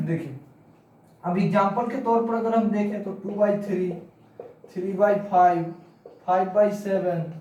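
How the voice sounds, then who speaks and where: A man teaching a math class, repeating each point and dictating notes slowly. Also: high voice, fairly even intonation, dark tone, a little hiss or hum. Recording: echoey room, far from the mic.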